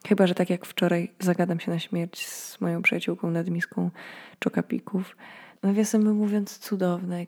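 A woman in her twenties recording a personal late-night podcast monologue, speaking quietly and reflectively, a little sleepy, as if telling stories. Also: fairly low pitch. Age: 20s. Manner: reflective, storytelling. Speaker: podcast host.

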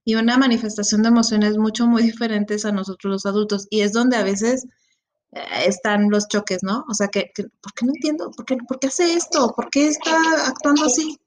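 A middle-aged woman with a Mexican accent chatting on a panel, telling animated stories. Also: a little high, a little fast. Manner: animated storyteller. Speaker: podcast co-host. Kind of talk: casual panel chat.

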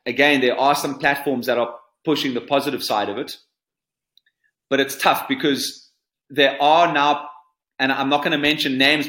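A man with a South African accent, a surf coach being interviewed, talking in an animated, emphatic way and repeating phrases for effect. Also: medium pitch, echoey room. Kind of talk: podcast interview.

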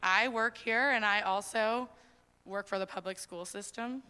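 A woman's voice: medium pitch, fairly even intonation, measured pace, sharp tone, clear, resonant tone, in a large hall. A young woman giving a sermon in a church, talking in an earnest, conversational way with casual fillers. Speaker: preacher. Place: church hall.

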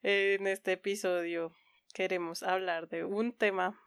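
A woman's voice: mid-range voice, level tone, takes it slowly, creaky, clean tone, dry recording, clean studio sound. A woman co-hosting a podcast in casual chat, giggly and informal, often poking fun at herself. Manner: giggly, frequently laughing. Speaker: podcast co-host.

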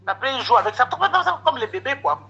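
A man's voice: extremely high pitch, a little fast, husky. A man casually telling a long story, animatedly retelling conversations and quoting what people said to him. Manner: animated retelling of conversations with many quoted exchanges. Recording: dull lo-fi recording.

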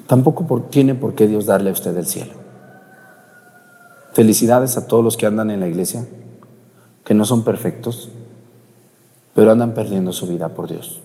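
A middle-aged priest with a Mexican accent preaches a sermon, telling a story and speaking straight to the congregation. His voice is warm and mellow. It rings with a long reverb in a church. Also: lowish voice. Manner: storytelling, direct address to the congregation.

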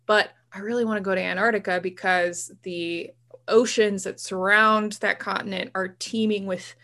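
A woman's voice: medium pitch, fairly even intonation, normal speed, bright, forceful tone. Woman co-host, chatty and rambling, easy laughter. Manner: enthusiastic about marine biology. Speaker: podcast co-host. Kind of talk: casual chat.

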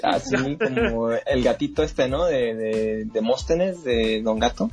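Brief: Mexican male podcast host, casual banter, animated storyteller who jokes and curses, faint music behind. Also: medium pitch, slow. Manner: animated storyteller, joking and swearing. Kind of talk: casual chat.

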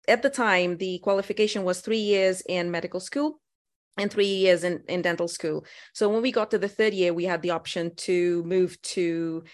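A middle-aged woman from Portugal with a Portuguese accent, talking as a guest on a casual interview podcast, thoughtful and pausing often with fillers and restarts. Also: on the low side.

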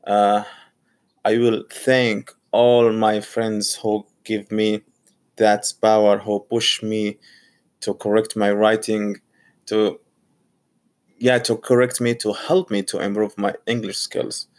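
A Saudi graduate student and teacher, native in Arabic, talks casually in a personal monologue about learning English. His voice is fairly low, flat and darkish, and he speaks haltingly, often repeating or restarting.

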